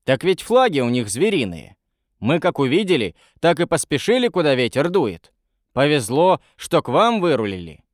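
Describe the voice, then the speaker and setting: A man's voice: a little high, big pitch swings, normal speed, dry recording, clean studio sound. A man voicing an anxious fisherman who speaks urgently, calling out across the water.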